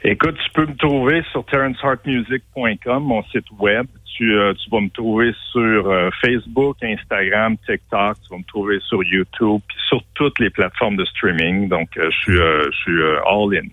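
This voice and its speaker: Un homme d'âge moyen, originaire du Maroc, avec un québécois, invité d'une radio au téléphone, qui parle avec hésitation et beaucoup de « euh ». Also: male voice, on the low side, moderate pace, few pauses, no room sound. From Morocco. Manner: hesitant, many fillers and restarts. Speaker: guest singer. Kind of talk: casual radio interview. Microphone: phone line. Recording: tinny dry phone line.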